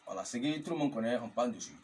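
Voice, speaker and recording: A man's voice: mid-range voice, lively intonation, rapid-fire, darkish tone, slight background noise. A man, teaching geomancy as a marabout, chanting formulas over and over and often asking if listeners follow. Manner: often checks understanding with questions. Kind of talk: instructional talk.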